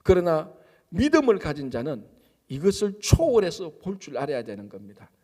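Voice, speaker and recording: A man's voice: on the high side, very animated, moderate pace, warm tone, big-room sound. A male pastor preaching at an early-morning service, asking rhetorical questions and answering them himself. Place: church sanctuary.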